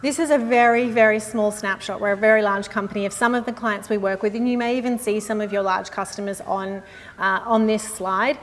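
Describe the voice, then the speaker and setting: A woman working as a sustainability consultant gives a live industry presentation to an audience in a room, friendly and measured with frequent "um" and "uh." Her voice is medium-pitched and steady, and the recording has long hall reverb and faint noise.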